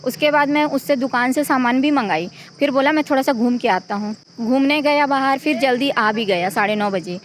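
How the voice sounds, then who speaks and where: A woman's voice: high voice, moderate pace, hardly any pauses, slight background noise. A middle-aged woman, the mother of a victim, giving an urgent, pleading eyewitness account in a news interview.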